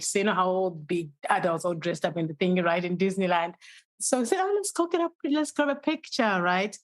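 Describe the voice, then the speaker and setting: A woman in her forties from Zimbabwe, a podcast guest telling stories in a chatty way, often laughing and animated. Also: medium pitch, dry recording, poor audio. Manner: laughing, storytelling, animated when quoting. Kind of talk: casual interview chat.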